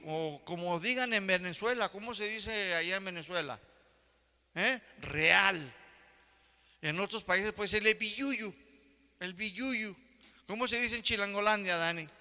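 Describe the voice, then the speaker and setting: A man's voice: high voice, pushed and bright, long reverb tail. An older man preaching a sermon as pastor, often checking that the congregation is following along. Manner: asks the congregation for agreement.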